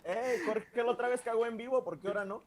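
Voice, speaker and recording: High-voiced wisecracking Mexican guest. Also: male voice, fast, a loud crowd. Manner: wisecracking, slangy. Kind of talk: casual chat.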